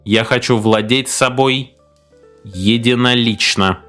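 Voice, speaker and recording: A man voicing a defiant wish machine that speaks in a creaky, mechanical voice, slow and measured, as in audiobook narration. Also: mid-range voice, sharp tone, faint music behind. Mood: cold.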